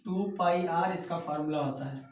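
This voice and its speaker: A man's voice: a little high, fairly even intonation, moderate pace, a little hiss or hum. A male teacher giving a math lesson at a whiteboard. He keeps repeating each term as a question and then answers it himself. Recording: echoey room, voice from far off.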